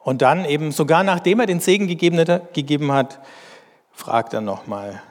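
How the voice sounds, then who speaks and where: A man reads scripture slowly and deliberately, then explains it in measured commentary. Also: fairly high pitch, animated. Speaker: bible teacher. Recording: long hall reverb.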